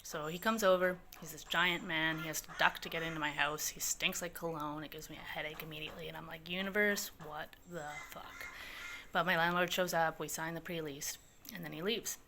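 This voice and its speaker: A woman telling a wild personal story in casual, animated, profane language, jumping into high voices when she quotes people. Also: a little fast, vocal fry, a little hiss or hum.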